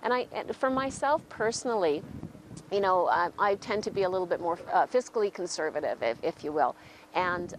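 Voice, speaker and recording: A woman's voice: medium pitch, a little hiss or hum, low-quality recording. A woman, a city councillor answering interview questions, hesitant and given to repeating words.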